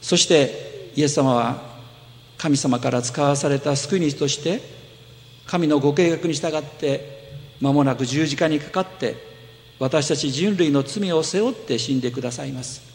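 Male pastor, gravelly and a bit high-pitched, explaining gently, with long hall reverb. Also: normal speed. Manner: gentle explaining, with fillers and self-corrections. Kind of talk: sermon.

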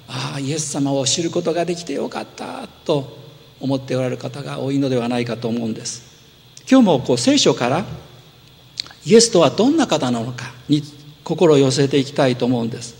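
A man preaching a sermon as pastor, explaining earnestly and gently with rising emphasis, in a church sanctuary. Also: on the high side, vocal fry. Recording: long hall reverb.

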